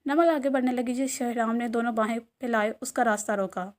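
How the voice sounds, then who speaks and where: A woman's voice: a little high, fairly even intonation, brisk. A woman reading a romance novel aloud as its narrator. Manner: storytelling narration.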